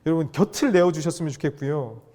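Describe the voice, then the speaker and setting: A middle-aged man giving a lively lecture to fathers, acting out dialogue and asking the audience questions. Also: a little high, fast. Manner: animated, acts out dialogue, asks audience questions.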